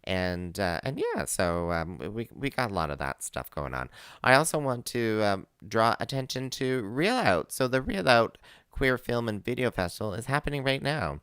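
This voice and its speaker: A man's voice: mid-range voice, sing-song, normal speed, a bit bright, clean tone, no echo, studio quality. A man hosting a live community radio show, chatting casually with plenty of fillers and easy laughter. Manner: rambling, many fillers, laughs easily.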